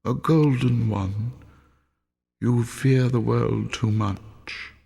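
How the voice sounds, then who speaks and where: A man voicing a gentle, sorrowful young woman in a storybook reading, speaking softly and gravely. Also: mid-range voice, steady tone, drawn-out words, long reverb tail, full character voice. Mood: sad reproach. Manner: soft, grave.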